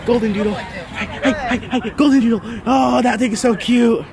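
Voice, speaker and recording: With vocal fry in a mid-range voice at normal speed, the vlogger muses casually in slang and addresses the dogs during an outing at an outdoor dog park. The handheld phone behind the camera picks up a noisy park full of bystander chatter.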